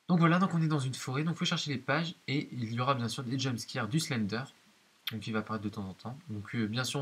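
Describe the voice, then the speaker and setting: A man with a husky, mid-range voice provides let's-play commentary on a horror game, speaking directly to his viewers in a hesitant, explanatory way. It's a hissy home recording.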